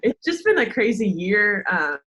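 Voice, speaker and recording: Appearing as a podcast guest, this American woman in her twenties, a sports social media worker, talks in a chatty, informal way with lots of "like." Her mid-range voice is very animated at a moderate pace, and the recording has background noise and cut-off highs.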